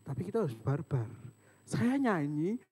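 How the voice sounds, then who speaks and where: A man's voice: fairly high pitch, normal speed, slightly rough. A young man telling a funny personal story in a casual sermon, joking with his listeners and acting out family members' voices. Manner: animated, joking with the audience, mimics family voices. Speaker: preacher. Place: church service room.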